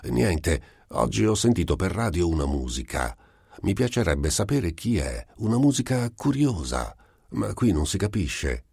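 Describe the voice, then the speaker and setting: A man's voice: sits low, big pitch swings, a little slow, gravelly, darkish tone, breathy edge, dry recording, clean studio sound, pitched above the performer's own voice, exaggerated voice. A man voicing a touchy, suspicious composer. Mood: fretful. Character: touchy, suspicious middle-aged male composer.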